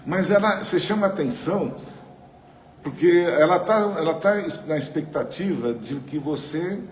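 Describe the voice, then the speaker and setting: A man with a Brazilian Portuguese accent leads a spiritual study group, speaking conversationally into a microphone at a normal speed in a fairly high, expressive voice. He's chatty, often puts questions to the room, and leans on tag questions. The recording has the roomy sound of a hall with faint background noise.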